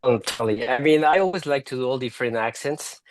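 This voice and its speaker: A man's voice: medium pitch, fast talker. A man from Mexico City with a Mexican accent, an actor guest telling stories in an easygoing way. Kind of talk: interview chat.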